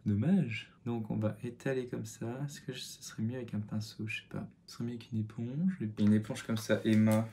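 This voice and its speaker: A man's voice: fairly low pitch, fairly even intonation, normal speed, few pauses, warm tone, slight background noise. A young man chatting through a makeup tutorial at home, self-mocking and muttering as he works. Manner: self-mocking, mutters and sighs at own mistakes. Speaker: makeup vlogger. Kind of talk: casual makeup tutorial chat.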